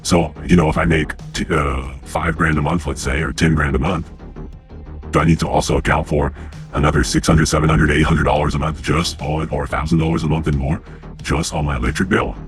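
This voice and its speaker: A man's voice: rumbling low, fairly even intonation, brisk, faint music behind. A man hosting his own channel, ranting angrily and profanely to his viewers, a little out of breath. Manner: angry, profane, keeps addressing viewers as guys. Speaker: channel host. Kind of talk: ranting commentary to camera.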